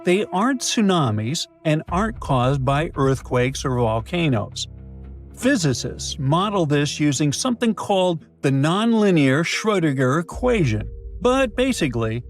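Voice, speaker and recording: A man narrates an educational script in a somewhat high, lively voice with a very animated pitch, slipping in playful asides. Soft music plays quietly behind him. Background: faint background music.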